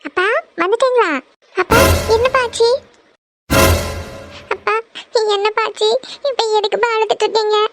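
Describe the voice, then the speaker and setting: Woman doing a shrill, gravelly cartoon daughter, stubborn and pleading, level tone. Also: fairly even intonation, normal speed, long pauses, fairly bright tone, no room sound, faint music behind. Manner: insistent, tearful pleading. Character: devoted young woman, eldest daughter. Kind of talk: cartoon family serial voice acting.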